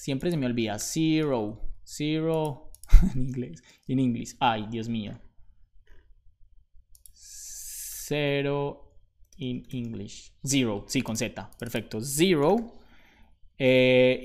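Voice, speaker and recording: A man, live-coding for viewers in a relaxed, chatty way, thinking aloud as he works and joking about his own slips. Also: a little high. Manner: thinks aloud, talks to himself while typing. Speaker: programmer streaming live. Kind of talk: casual live-coding tutorial.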